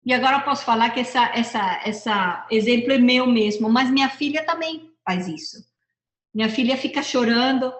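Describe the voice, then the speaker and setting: In an echoey space, a middle-aged woman speaks at a normal speed in a fairly high voice. She's a personal development speaker giving an informal motivational talk, chatting freely and repeatedly correcting and repeating herself.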